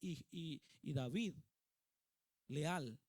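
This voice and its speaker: A male pastor preaches with emphasis and keeps turning to his listeners with questions. His voice sits high for a man. The recording is dry and close, with no room echo. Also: very slow, a little mellow. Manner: emphatic, asks the congregation questions. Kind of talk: sermon.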